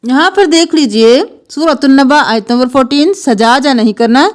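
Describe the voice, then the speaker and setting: A woman teaching Quran pronunciation, reciting verses slowly and then explaining the correct sounds in quick asides. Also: high voice. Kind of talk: tajweed lesson with slow recitation.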